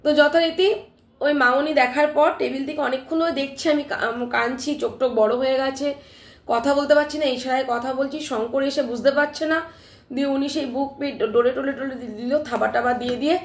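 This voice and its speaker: Woman live-streamer, high voice, sore throat, animated storytelling, echoey room. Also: fast talker. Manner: animated, emphatic retelling with frequent "ঠিক আছে?" check-ins.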